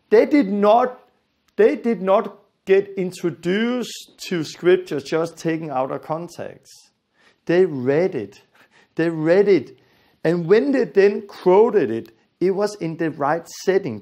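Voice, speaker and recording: A high, warm-toned male voice leads an earnest, emphatic Bible lesson that returns to its key phrases repeatedly. The teacher is from Denmark, a native Danish speaker with a Danish accent.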